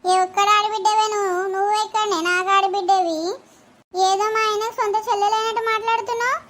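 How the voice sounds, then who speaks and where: A woman voicing a haughty cartoon sister-in-law, shrill. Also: flat delivery, moderate pace, slight background noise. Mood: taunting. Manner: taunting, haughty, sharp-tongued. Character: bossy arrogant sister-in-law, rude and haughty. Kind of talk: cartoon voice acting.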